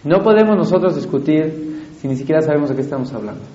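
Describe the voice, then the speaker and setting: A man with a rather high voice gives a classroom lecture. He walks through each point step by step and keeps asking whether everyone follows. The recording is roomy and slightly dull. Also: expressive, fast talker, mellow. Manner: explains step by step and checks in with frequent questions to listeners. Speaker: teacher.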